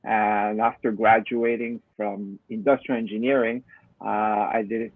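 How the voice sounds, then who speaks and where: A man, an ERP consultant introducing himself on a panel over a video call in a steady, conversational way. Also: on the low side, a little slow, no room sound. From Canada. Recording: tinny dry phone-like call audio.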